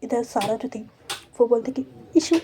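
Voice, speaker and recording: A woman narrating a story in a chatty, relaxed storytelling style, often repeating her phrases. Her voice is dark and mellow, sitting a little high. A faint noise sits under the recording. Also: normal speed. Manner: chatty, repeats herself, mixes in English fillers. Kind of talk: casual storytelling.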